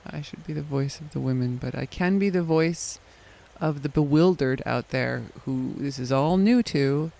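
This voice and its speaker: Gravelly-voiced woman co-hosting a podcast. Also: low-pitched, moderate pace, few pauses, warm tone, low-quality recording. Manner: laughs easily, self-deprecating. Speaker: podcast co-host. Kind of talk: casual chat.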